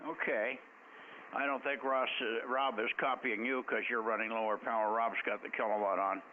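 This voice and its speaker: A man's voice: medium pitch, flat delivery, moderate pace, phone-quality sound. An American man running an amateur radio net, chatting casually in a blunt, teasing way over two-way radio. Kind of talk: casual ham radio chat. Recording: thin ham radio signal with static.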